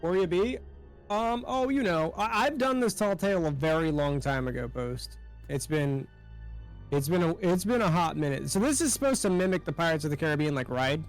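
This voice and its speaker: A young man with a slightly high voice streams a game. He chats casually and slangily with friends and viewers over light background music. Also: animated, normal speed. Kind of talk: casual gaming commentary and chat.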